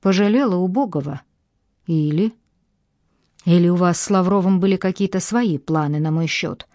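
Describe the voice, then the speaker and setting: Woman putting on a harsh, cold man, curt and hostile, lowish dark voice, dry sound. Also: normal speed, no room sound, close to an everyday voice. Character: harsh, cold adult man, bitter ex-convict.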